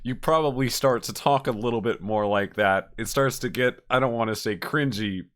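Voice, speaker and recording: Hosting a reaction video, this man offers casual, unscripted remarks in a mid-range, somewhat bright voice. He speaks haltingly and with emotion, frequently saying the same phrase again.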